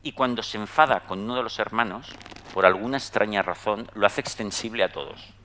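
Lively man from Spain telling anecdotes. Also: lowish voice, a little fast, slight background noise. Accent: Spanish, from Spain. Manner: conversational, tag questions, lively storytelling. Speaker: psychologist giving a talk. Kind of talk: anecdotal talk to a live audience.

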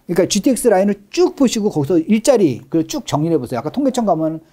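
A man's voice: sits high, sing-song, fast, mellow. A middle-aged man, a real estate expert guest, explaining things in an interview with emphatic stress on key words.

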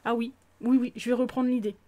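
A gaming host exclaims her way through a tour of viewers' islands, her gushing, casual remarks sometimes falling almost to a whisper. Her dark voice is a little high with little pitch movement and a slightly quick pace, and faint music plays behind her.

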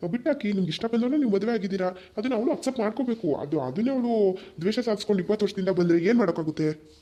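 A man voicing an older male elder who calmly consoles a worried brother in a village drama. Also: high-pitched, racing. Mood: consoling. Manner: consoling, fatherly. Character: older male elder called Baba, reassuring.

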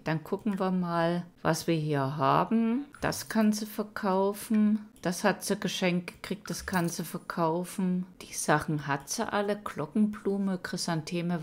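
A woman giving casual let's-play commentary, chatting along and talking to her game characters as she plays. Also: low voice.

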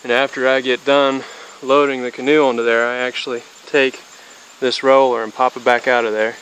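Slightly sick and spacey, a young DIY hobbyist rambles through a casual how-to, first outdoors by a car, then beneath a metal-roofed shed. He speaks at a moderate pace and medium pitch, flat in tone, with plenty of fillers and restarts. The low-quality recording carries a little hiss or hum.

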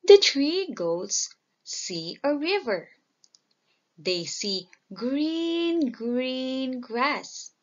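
A woman slowly and clearly reading a simple children's story aloud as a storyteller. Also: high-pitched, very animated, lo-fi sound. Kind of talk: slow storybook reading for learners.

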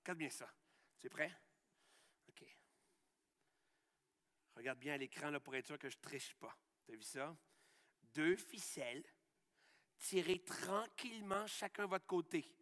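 A Québécois-accented man performs and explains a magic trick for schoolchildren. His voice sits a little high and sounds bright and forceful. He coaches in an upbeat way, asking again and again whether everyone can see. The sound carries a long reverb from a large hall. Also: a little slow, long pauses. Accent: Québécois French. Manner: upbeat, coaching step by step, checking often that the audience follows.

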